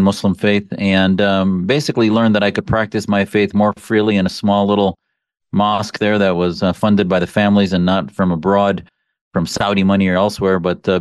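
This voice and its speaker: A man from the American Midwest, a physician guest on a radio interview, speaking in a measured way with frequent pauses. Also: low voice, clear, resonant tone, no echo. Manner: measured, many uh fillers.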